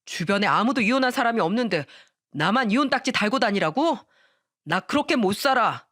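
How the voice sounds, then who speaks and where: A woman's voice: fairly high pitch, lively intonation, fairly quick, fairly bright tone, no echo, studio quality. A woman doing an irritated, self-centered husband. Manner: defensive, irritated.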